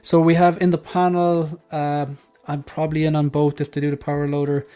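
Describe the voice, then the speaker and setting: Casting: male panel host, voice a bit above average in pitch, conversational, rambling. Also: flat delivery, brisk, mellow, clean tone. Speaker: host of a hobby panel show. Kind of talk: casual chat.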